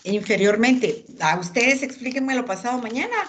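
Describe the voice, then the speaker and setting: A woman's voice: on the high side, normal speed, fairly bright tone, a little hiss or hum. A woman lecturing anatomy, pointing out images and calling on students by name.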